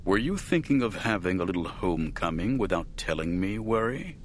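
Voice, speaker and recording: A cold, aristocratic older count speaks low, slowly and mildly, with quiet menace, as a male narrator plays him. A faint hiss sits under the recording. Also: sing-song. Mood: menacing. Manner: mild, slow, menacing.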